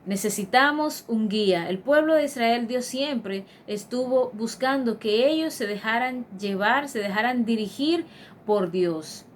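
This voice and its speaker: A woman's voice: a little high, expressive, unhurried, a little hiss or hum. A woman preaching a devotional sermon in an earnest, emphatic manner, with frequent fillers and restarts.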